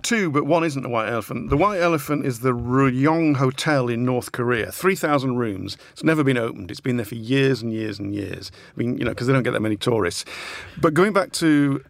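Animated gravelly man. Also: brisk, no room sound. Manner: animated, breaks into impressions with big pitch jumps. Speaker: guest commentator. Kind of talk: lively political chat.

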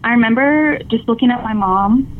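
A young woman telling her story as an interview guest over the phone, tearful and halting, with many fillers. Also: fairly high pitch. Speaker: guest, former softball player. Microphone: phone call. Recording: tinny phone line with faint noise.

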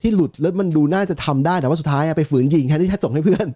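A man in casual football podcast chat, talking quickly with a mellow, warm tone and a slightly high pitch. He laughs often and swears freely among friends. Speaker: podcast co-host.

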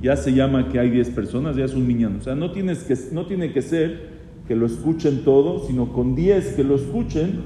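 A rabbi teaches a Torah law class on religious law, quizzing students, repeating key phrases, and weaving in Hebrew terms. His mid-range voice is mellow and moderately paced, recorded in an echoey hall with long reverb and faint noise.

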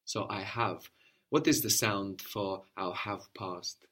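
A man's voice: lowish voice, steady tone, takes it slowly, a bit bright. Patient male language teacher. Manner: patient, prompting questions and repeating answers. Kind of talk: one-on-one language lesson.

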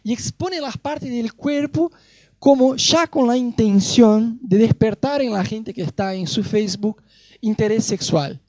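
A male preacher giving a sermon, an animated storyteller who jokes about his own youth. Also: extremely high pitch, unhurried, no room sound. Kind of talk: sermon with personal anecdotes.

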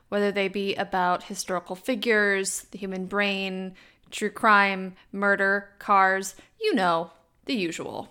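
Young adult woman, Wisconsin accent, nasal, some vocal fry, medium pitch, chatty podcast host, self-deprecating asides. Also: a bit bright. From Wisconsin, United States. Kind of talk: chatty scripted podcast monologue.

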